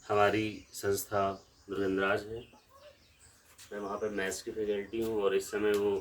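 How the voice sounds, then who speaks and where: A man's voice: lowish voice, completely flat delivery, moderate pace, far from the mic, a little hiss or hum, low-quality recording. A man with a Lucknow Hindi accent teaching a maths lesson from a room in a village, explaining step by step and asking questions back to the class.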